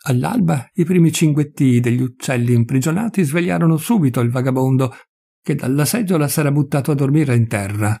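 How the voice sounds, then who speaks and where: A man narrating a literary short story in a measured, expressive way. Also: mid-range voice, creaky, breathy edge. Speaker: audiobook reader.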